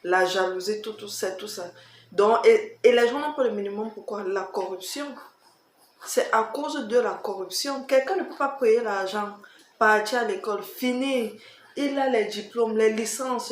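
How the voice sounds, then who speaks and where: A woman's voice: a little high, normal speed, slight background noise. A woman with a Cameroonian accent chatting casually for a vlog, emphatic, repeating herself and tossing in rhetorical questions. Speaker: vlogger answering tag questions. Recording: roomy echo, faint background music.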